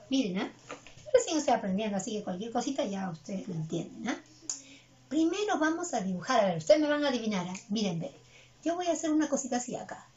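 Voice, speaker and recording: A woman teaching an online class for small children, patient and coaxing. Her voice is high and lively, rising and falling in a sing-song way, and the recording sounds dull and lo-fi. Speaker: preschool English teacher.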